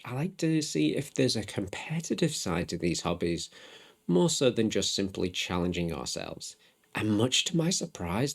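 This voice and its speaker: A man talking through a hobby challenge in a casual vlog. He sounds relaxed, chatty and self-reflective. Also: lowish voice, vocal fry, slightly rough. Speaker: hobby vlogger. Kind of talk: casual vlog narration and updates.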